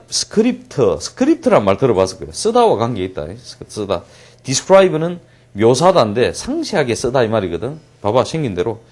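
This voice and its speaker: Animated male English teacher lecturing. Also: medium pitch. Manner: slow deliberate English reading, quick Korean explanation; asks questions and answers them himself. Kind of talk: classroom lecture.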